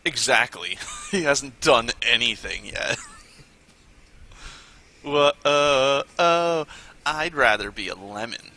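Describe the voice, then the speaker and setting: A man's voice: mid-range voice, lively intonation, slow pace, pauses often, sharp tone, slight background noise. A man co-hosting a casual podcast chat, joking and exaggerated. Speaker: podcast co-host.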